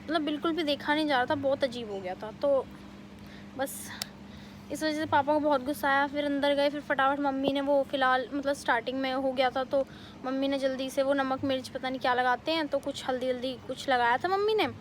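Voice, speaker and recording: A young woman vlogger telling a family story in a casual, animated way, with many fillers. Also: high voice, slight background noise. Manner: animated retelling, quick bursts, many fillers.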